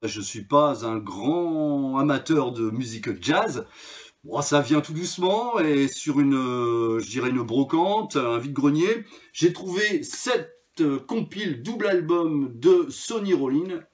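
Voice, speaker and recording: A man chats casually about his record collection, his voice sitting a little higher than most men's. He pauses often and fills gaps with hesitant sounds as he goes. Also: animated. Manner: chatty, hesitant with frequent fillers. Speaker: vinyl collector presenting records. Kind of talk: casual video chat.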